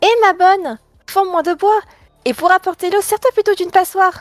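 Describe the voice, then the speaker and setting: A woman's voice: very high voice, normal speed, dry recording, faint music behind, voice pushed up. A woman voicing a resentful, overworked servant in a fairy tale. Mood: advising.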